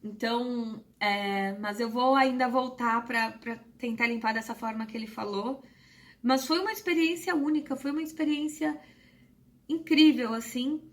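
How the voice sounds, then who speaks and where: Woman, high voice, from Brazil, soft hesitant storytelling, emotional, many pauses. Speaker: spiritual channel host. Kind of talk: personal storytelling to camera.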